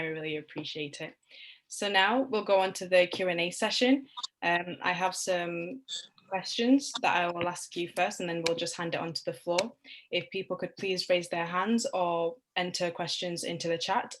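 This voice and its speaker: A woman's voice: on the low side, fairly bright tone, rough recording. A woman moderating an online question-and-answer session, reading questions politely and formally. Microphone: video call.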